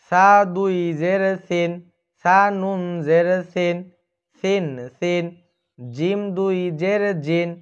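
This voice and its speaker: A male Quran teacher drills his students through letter sounds in a slow, measured chant. His voice sits high and comes through smooth and clear. The recording has a dull, lo-fi quality. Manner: slow, drawn-out chanting of letter drills, quicker when explaining.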